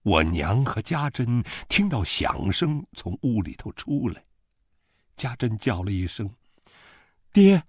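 Male audiobook narrator, low, husky, dry close studio sound. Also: dry recording. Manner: slow, expressive, wide-ranging storytelling. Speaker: audiobook reader. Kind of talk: first-person novel narration.

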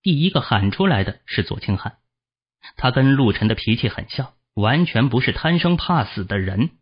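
A man narrating a fantasy novel as an audiobook, with expressive storytelling, in a dull lo-fi recording. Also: mid-range voice, moderate pace, breathy edge.

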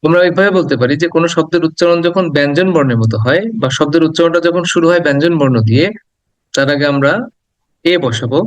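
A man with a somewhat high voice gives an English lesson in a patient, explanatory way. He repeats points and sounds out example words slowly. The recording is dry and close, with no room sound. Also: no echo. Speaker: English teacher.

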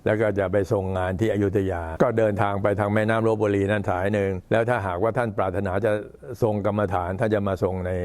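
An old man, a Buddhist monk, giving an informal talk to temple visitors in an unhurried, halting way. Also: lowish voice, a little mellow, smooth. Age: older. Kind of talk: informal talk, recounting temple history and announcements.

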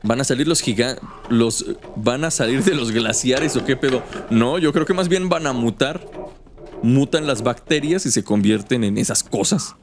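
A man's voice: medium pitch, moderate pace, background noise. A young man giving casual, joking gameplay commentary full of slang. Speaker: gaming youtuber.

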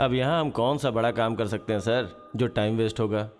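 A man's voice: on the low side, moderate pace, big-room sound, faint music behind, close to an everyday voice. A man voicing a curious polite prison inmate. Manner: polite, questioning. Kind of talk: Hindi film dubbing.

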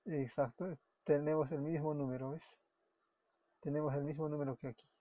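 A man's voice: a little high, fairly even intonation, normal speed. Peruvian man, dull lo-fi coding tutorial. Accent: Peruvian Spanish. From Peru. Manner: explains step by step, self-correcting, often apologizing. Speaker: web development tutor. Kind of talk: screen-recorded coding tutorial. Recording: dull lo-fi recording with keyboard typing.

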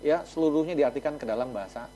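A man's voice: on the high side, quick pace, mellow. Man, talk show guest, studio chat, explanatory, many fillers, faint hum. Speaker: talk show guest, English course representative.

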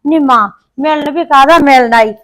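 In a village short film, a Punjabi-accented actress takes the role of a married daughter grumbling and chatting about her mother-in-law. Her voice sits high, with a fairly bright tone and a moderate pace.

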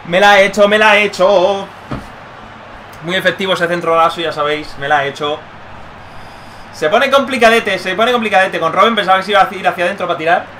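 Excitable young streamer, bright high voice. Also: male voice, a little fast, a little hiss or hum. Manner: excitable, swings from muttering to yelling. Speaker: gaming streamer. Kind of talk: live gameplay commentary.

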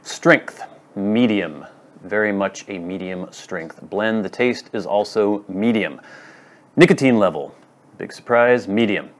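A man in his thirties giving a casual, deliberate review to camera, laying out his points in short phrases. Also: on the low side. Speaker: pipe tobacco reviewer. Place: wood-floored room at home, indoors.

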